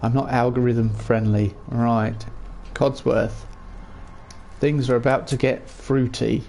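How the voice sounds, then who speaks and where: A man with a croaky voice hosts a gaming livestream in a chatty, rambling, self-deprecating way. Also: mid-range voice, level tone, takes it slowly, warm tone, a little hiss or hum. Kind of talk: casual livestream game commentary.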